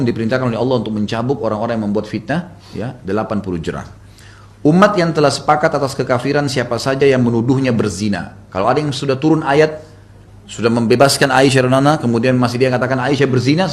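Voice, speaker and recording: A middle-aged man preaching a sermon, telling a story with acted quotes and sudden loud, high rises.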